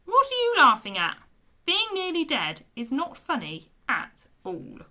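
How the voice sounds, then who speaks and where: A woman's voice: high-pitched, huge pitch swings, unhurried, bright, forceful tone, pitched above the performer's own voice, full character voice. A woman voicing Orinoco, a plump young male Womble in a storybook, feeble and easily offended. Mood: indignant. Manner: feeble and indignant.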